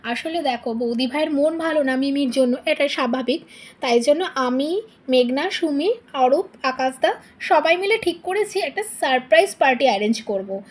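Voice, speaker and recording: A calm sister-in-law in a doll vlog drama, voiced by a woman, gentle and reassuring. She still speaks in a high voice. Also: moderate pace.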